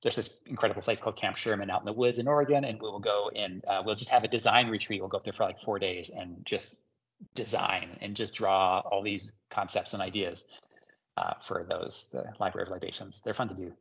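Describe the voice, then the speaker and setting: A man's voice: fairly low pitch, fairly even intonation, a little fast, creaky, fairly bright tone, husky, dull audio. A man from Hawaii chatting as a guest in an interview, enthusiastic and rambling with lots of fillers. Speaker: guest ceramic artist. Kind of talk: casual interview chat.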